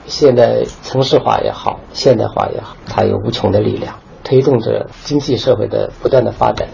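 A man's voice: medium pitch, steady tone, moderate pace, creaky, warm tone, muffled recording, a little hiss or hum. A man, a university dean of architecture, answering an interview in a formal, lecturing way.

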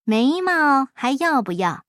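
A woman's voice: sits high, sing-song, slow pace, dry recording, studio quality, heavily acted. Figure: a woman doing Afanti, a sly, teasing folk hero. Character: clever, mischievous folk hero man.

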